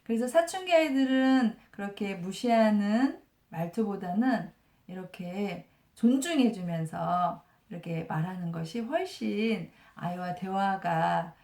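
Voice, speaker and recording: A woman in her forties, an elementary school teacher, calmly explaining a parenting book with many soft fillers. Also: medium pitch, unhurried. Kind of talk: explanatory book review talk. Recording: roomy echo.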